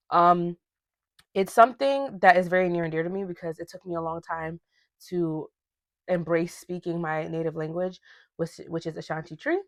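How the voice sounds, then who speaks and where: A young Ghanaian woman hosts her own podcast, ranting solo in a casual, animated way with slangy asides. Her voice is fairly low with a fairly bright tone, recorded cleanly in a studio without echo.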